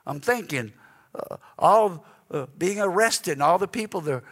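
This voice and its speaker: An earnest man preaching from the pulpit in a slightly higher voice than most men. His speech often stumbles into repeated words as he tells his story. A long reverb hangs behind him, as in a big church hall. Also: expressive, moderate pace, fairly bright tone. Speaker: guest preacher. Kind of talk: sermon storytelling. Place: church sanctuary.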